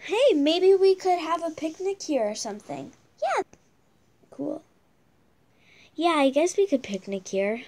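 Girl doing polite hesitant toy dog girl, highish voice, really slow talking, homemade play. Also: animated, darkish tone. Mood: friendly. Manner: hesitant, drawn-out. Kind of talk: amateur toy-figure play.

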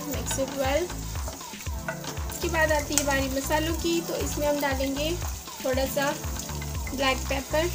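A woman with an Indian accent, narrating a home cooking vlog step by step and dropping in English phrases. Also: high-pitched. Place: home kitchen. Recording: loud background music.

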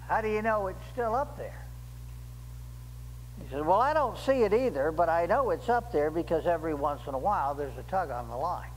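An older man preaching a sermon as pastor in a church, slow and deliberate, rising emphatically on key words, recorded at a pulpit microphone. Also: high voice, in a large hall, slight background noise, poor audio. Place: church sanctuary.

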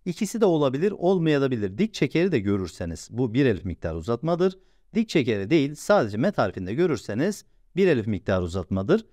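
A man teaching a recorded reading lesson, patiently repeating sounds slowly and asking and answering his own questions. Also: medium pitch, big pitch swings, a little mellow, no room sound, clean studio sound.

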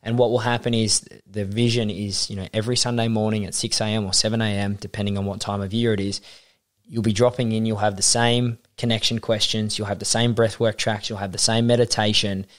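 A young Australian man with a fairly low voice talks freely as a podcast guest. He tells his story at a relaxed pace and slips into other people's voices when he quotes them. The tone stays casual and conversational. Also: a little fast. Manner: animated storyteller acting out quotes. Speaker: podcast guest, identity coach. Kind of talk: casual interview chat.

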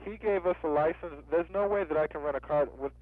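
Over a tinny, narrow-band phone line, a male car rental agent handles a customer service call. His voice is fairly high and quick, and he presses with questions, often saying the same thing again.

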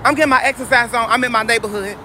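A man preaching in a loud, emphatic, repetitive live-stream monologue while out walking for exercise on a neighborhood street. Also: very high-pitched, steady tone, racing. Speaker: self-styled preacher going live. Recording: street noise with passing traffic.

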